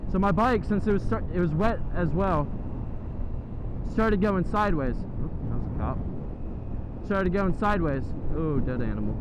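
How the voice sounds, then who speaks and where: A young American man with a fairly high voice rambles casually through a story from inside his motorcycle helmet. The sound is muffled, with heavy vehicle noise running behind him. He talks loosely and swears freely, like a rider vlogging on the road. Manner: rambling, casual, foul-mouthed. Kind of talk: casual storytelling while riding. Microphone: helmet-mounted microphone.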